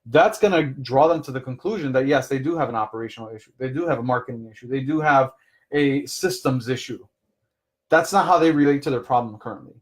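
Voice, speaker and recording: A man's voice: mid-range voice, fast. A man giving business advice in a live coaching session, talking casually, explaining through personal examples and often checking in with "right?". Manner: conversational, keeps checking in with "right?".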